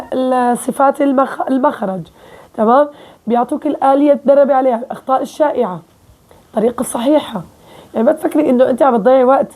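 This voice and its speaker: High-pitched woman, Levantine accent, casual recitation teacher, explains step by step and checks in often. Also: darkish tone. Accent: Levantine Arabic. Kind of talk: casual spoken lesson.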